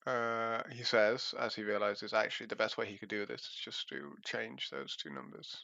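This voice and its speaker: A man's voice: lowish voice, normal speed, gravelly, pushed and bright, no room sound, lo-fi sound. A man casting an esports match live, with casual, self-mocking patter, heard through a livestream headset microphone. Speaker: esports caster. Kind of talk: live game commentary.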